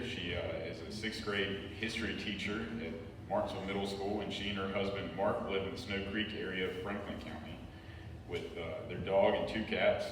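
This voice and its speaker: A man hosting an event, giving a formal spoken introduction of a guest speaker. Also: low-pitched. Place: large echoey room at a lecture series. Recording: very echoey hall, distant mic, clear noise.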